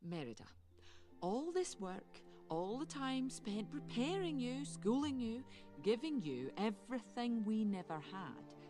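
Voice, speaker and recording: A poised, dignified queen, measured and composed in how she speaks. Her voice is fairly high and moves with lively pitch. Clear film music runs behind her.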